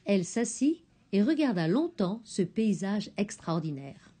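A woman reads a children's tale aloud in a gentle storybook manner. Her pitch moves in a lively way, and her tone is mellow and soft. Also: measured pace, husky. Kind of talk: storybook narration.

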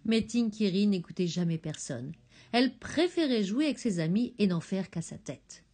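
A woman reads a children's tale aloud in a gentle storybook manner. Her pitch moves in a lively way, and her tone is mellow and soft. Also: moderate pace. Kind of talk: storybook narration.

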